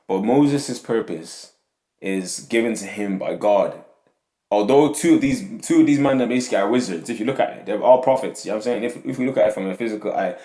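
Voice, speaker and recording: Deep and mellow, the voice of this young Nigerian podcast host rambles through a casual talk on faith and community. The room is echoey, and he keeps adding "yeah?" and "you know what I'm saying".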